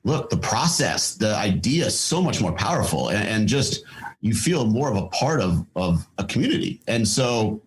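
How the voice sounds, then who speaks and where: A middle-aged man with a somewhat low voice talks casually as a podcast guest. He thinks out loud, with frequent fillers and restarts. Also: sing-song, normal speed, poor audio. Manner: thoughtful, lots of fillers and restarts. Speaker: podcast guest, fitness company founder. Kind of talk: casual interview talk.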